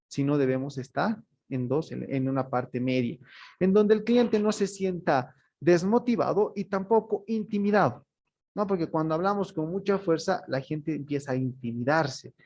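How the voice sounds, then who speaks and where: Male instructor, slightly higher pitch, explanatory lecture delivery. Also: a little mellow. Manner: explanatory, ends phrases with tag questions. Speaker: teacher. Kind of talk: online class lecture.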